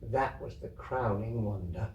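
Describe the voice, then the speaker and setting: A fairly low, slightly mellow male voice reads a literary story aloud at an unhurried pace, dramatic and descriptive for an audience. The speaker is a story reader in a theatre troupe at an indoor community venue. The recording is muffled, echoey and taken from a distant microphone.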